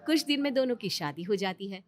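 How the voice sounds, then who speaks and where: A woman narrating a children's story in an expressive, sing-song way. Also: mid-range voice, fairly quick, faint music behind.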